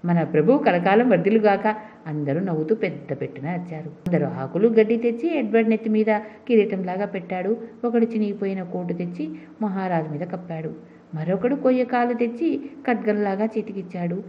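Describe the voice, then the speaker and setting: Brief: woman storybook narrator, steady reading, dull lo-fi sound. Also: medium pitch, fairly quick. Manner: steady reading with small restarts. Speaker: audiobook narrator. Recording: dull lo-fi recording.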